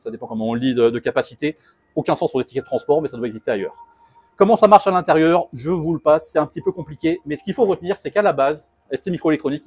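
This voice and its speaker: A man's voice: medium pitch, darkish tone, slightly rough, dry recording. A man giving a casual technical conference talk, loose and joking in manner. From France. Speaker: conference speaker. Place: presentation room.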